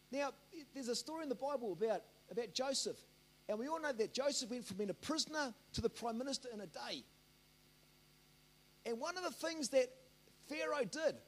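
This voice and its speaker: A man preaching a sermon as the pastor, repeating himself and calling out to the congregation for amens. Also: very high voice. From Australia. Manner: rambling, repeats words, asks the congregation for amens.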